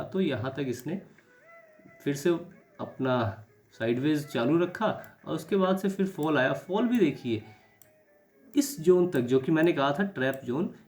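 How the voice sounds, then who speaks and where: Male trading teacher, hoarse and throat-clearing, slightly raised pitch, soft music bed. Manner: reflective, repeats key words. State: sore throat. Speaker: stock market trading educator. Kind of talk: chart analysis lesson.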